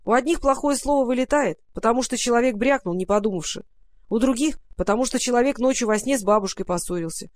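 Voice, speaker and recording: A storyteller voicing an old, grumbling, soft-hearted male raccoon who sighs and mutters fussily. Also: medium pitch, quick pace, no echo, close to an everyday voice. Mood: earnest. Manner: sighing, fussy muttering. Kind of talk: storybook reading.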